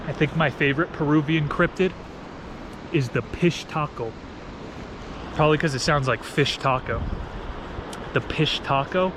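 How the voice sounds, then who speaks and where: This New Jersey travel vlogger, a man with an American accent and a medium-pitched voice, is outdoors camping amid background noise. He keeps it casual and playful, using slang as he chats and tells stories for his vlog.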